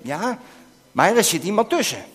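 A man preaches to children in a high, widely swinging voice, quizzing them and urging them on. He sometimes bursts into shouting, and a long reverb trails after his words through the hall. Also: normal speed, breathy edge. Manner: animated, coaxing questions to children, bursts into shouting. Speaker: preacher leading a children's talk. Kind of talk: interactive object lesson with children.

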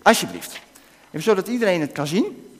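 A man leading an interactive children's talk in church, coaxing the kids with questions and now and then breaking into shouts. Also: high voice, sing-song, fairly quick, slight background noise. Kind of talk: interactive object lesson with children. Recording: long hall reverb.

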